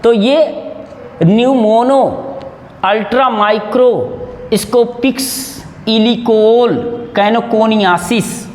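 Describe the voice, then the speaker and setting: A high-pitched man gives a slow, patient grammar lesson, repeating each sound and spelling words out bit by bit. He sounds a little nervous. His voice rings in a roomy space with a long, hanging reverb. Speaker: English teacher. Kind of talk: casual Hindi-language grammar lesson. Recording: echoey room with long reverb.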